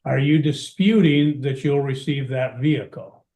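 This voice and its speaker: Judge in an echoey courtroom recording. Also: male voice, medium pitch, unhurried, dark tone. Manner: firm, interrupting to keep order. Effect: courtroom recording played back on a stream. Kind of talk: ruling in a court hearing. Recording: echoey courtroom audio from a room mic.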